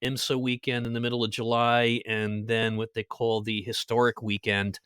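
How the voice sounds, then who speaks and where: A man hosting a podcast, telling stories in a lively casual way and laughing at his own jokes. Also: mid-range voice, normal speed, clean tone, no room sound, studio quality. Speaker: podcast host. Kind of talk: casual chat.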